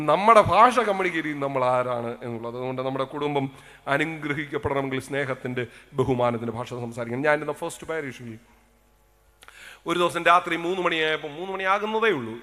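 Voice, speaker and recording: A male pastor with a Kerala Malayalam accent delivers a lively sermon in a bright, somewhat high voice. He throws questions at the congregation and drops into soft asides. A long reverb trails each phrase. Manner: animated, swings from loud exclamations to soft asides, talks to the congregation.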